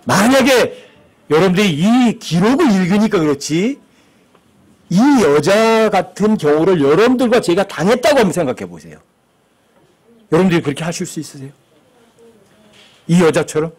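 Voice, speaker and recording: A man's voice: high-pitched, big pitch swings, moderate pace, long pauses, breathy edge. A man preaching a sermon as pastor, asking the congregation questions and acting out the lines he quotes.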